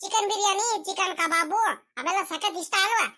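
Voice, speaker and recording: Woman voicing a protective cartoon grandmother, coaxing, pleading, quick, bright. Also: very high voice. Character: doting village grandmother, gentle and protective. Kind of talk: cartoon comedy dubbing.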